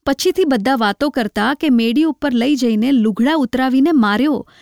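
A woman narrating a literary short story in a measured, reflective way. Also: sits high, darkish tone, dry recording, clean studio sound.

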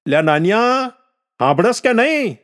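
A man voicing a sick, frail old village grandfather who shouts gruffly in rustic dialect. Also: sits high, very animated, normal speed, voice pushed up. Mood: calling out.

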